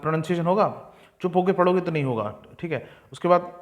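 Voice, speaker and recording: A young man teaching an exam-prep lesson. He reads English points slowly and explains them in Hindi with frequent fillers. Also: fairly high pitch, lively intonation, lo-fi sound.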